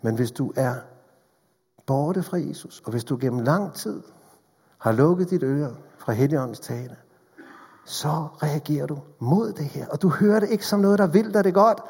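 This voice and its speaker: Earnest preacher in a reverberant hall. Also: male voice, medium pitch, creaky, husky. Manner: earnest, pleading, shifts from hushed to urgent. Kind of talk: sermon. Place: church hall. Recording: long reverb of a large hall.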